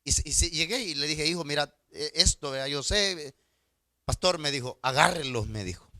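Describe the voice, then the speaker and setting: Animated pastor, bright dry voice. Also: male voice, fairly high pitch, normal speed, no echo. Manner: animated, swings from loud outbursts to hushed confiding asides; stammering repetitions. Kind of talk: sermon with storytelling. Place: church.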